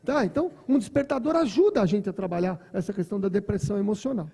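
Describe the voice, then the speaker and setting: A man's voice: sits high, fast talker, vocal fry, dark tone, breathy edge. A Brazilian man, a doctor, giving a conversational spiritist lecture full of stories, asides and repeated words. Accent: Brazilian Portuguese.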